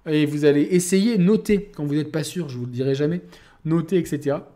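A man's voice: on the high side, a little fast, dark tone. A man reviewing a video game in a casual, rambling way, often restarting his sentences. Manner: rambling, many restarts and fillers.

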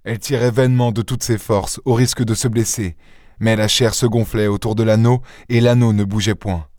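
An audiobook narrator, a man with a lowish voice, reads a classic story in scripted literary narration with measured, expressive delivery. The recording is dry and studio-clean.

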